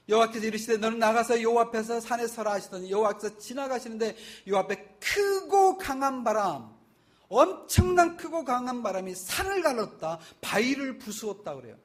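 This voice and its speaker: A male pastor giving a Sunday sermon, emphatic, with loud surges that fall into soft, drawn-out endings. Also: very high voice.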